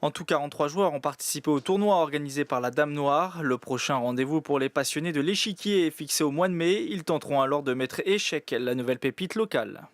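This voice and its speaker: A man narrating a local news report in a clear, paced scripted manner. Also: a little high, a little fast, few pauses, no echo.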